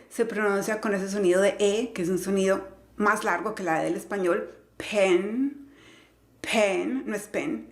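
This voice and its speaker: A woman who teaches English pronunciation, explaining slowly and carefully and repeating each example word. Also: mid-range voice, echoey room. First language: Spanish.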